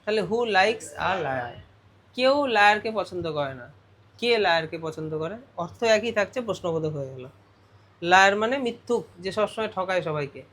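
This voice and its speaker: With lively intonation and a high, fairly bright voice, a man teaches grammar at a moderate pace. He explains each step in turn and often asks the class questions.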